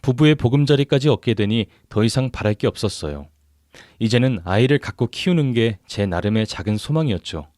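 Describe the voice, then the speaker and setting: A man's voice: mid-range voice, lively intonation, brisk, a little mellow, no room sound, clean studio sound. A man reading a listener's story aloud in scripted narration.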